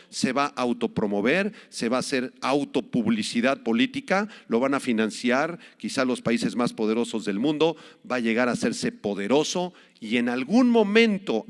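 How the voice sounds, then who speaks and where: A male pastor preaching a sermon emphatically, with dramatic swings in loudness, recorded in a reverberant hall. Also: a little high.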